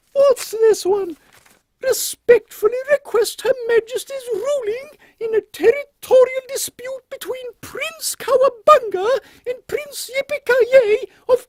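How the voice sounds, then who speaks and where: Male actor as dotty elderly British queen: very high, shrill, dry close sound, imperious and fussy. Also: no room sound. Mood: exasperated. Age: older. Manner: haughty, regal, fussy, uses royal "one". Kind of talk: steampunk radio comedy acting.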